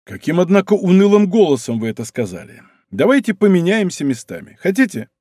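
A man's voice: high-pitched, very animated, dark tone, no echo, studio quality, voice pushed up. A man playing a bantering musketeer captain. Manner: brisk, bantering, rough-affectionate. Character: bold, teasing musketeer captain, hearty.

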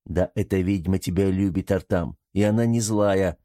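A steady young man talks calmly and reassuringly, read by a man in an audiobook. His voice is very deep and dark. The sound is dry and close. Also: moderate pace, no echo, lightly acted. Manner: calm, reassuring. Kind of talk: audiobook character reading.

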